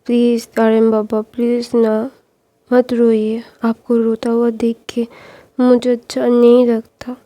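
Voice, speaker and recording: A woman's voice: on the high side, monotone, slow pace, mellow, dry recording. A woman voicing an apologetic young man who coaxes and begs his elders to forgive his father. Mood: comforting. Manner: apologetic, coaxing.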